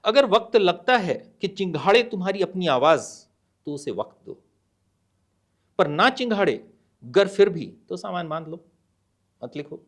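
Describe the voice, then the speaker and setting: A middle-aged man speaks as a guest author in a podcast interview, slow and deliberate. His voice sits a little high for a man, and he moves between Hindi and English with hesitant pauses. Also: expressive, a bit bright. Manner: measured and deliberate, with many hesitations in chat. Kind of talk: podcast interview, reading a poem aloud.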